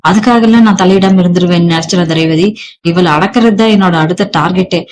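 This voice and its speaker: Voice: medium pitch, fast, natural voice. A storyteller reading the lines of a domineering, proud middle-aged man who blusters and accuses. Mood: irritated, boastful.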